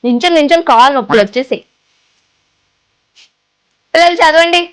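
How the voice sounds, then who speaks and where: A sarcastic rival teacher. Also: female voice, sits high, brisk, a bit bright. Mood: scolding. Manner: sarcastic, mocking retorts. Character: sharp-tongued young female teacher, mocking rival. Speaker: schoolteacher. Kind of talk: comedy sketch acting.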